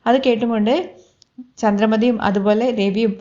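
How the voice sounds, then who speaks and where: A woman's voice: on the high side, fairly even intonation, normal speed, mellow. A woman retelling a serial's plot in a casual spoken recap, quoting dialogue in her own voice. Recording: dull lo-fi audio.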